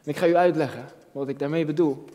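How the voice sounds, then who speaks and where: With a quick pace, a dark tone and a slightly high, fairly even voice, a junior pastor in his early thirties delivers a reflective, personal sermon. He earnestly repeats phrases for emphasis and asks rhetorical questions from a lectern on an indoor church stage. The distant recording has long hall reverb.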